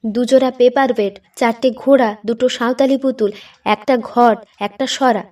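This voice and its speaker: A woman voicing an excited young woman who laughs as she talks, in a spoken storybook reading. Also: on the high side, normal speed, distant mic, natural voice. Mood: gleeful.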